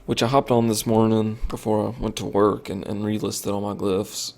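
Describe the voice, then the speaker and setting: A man's voice: on the low side, level tone, moderate pace, vocal fry, darkish tone. A tired man streaming a game, rambling and thinking aloud with lots of fillers as he comments casually.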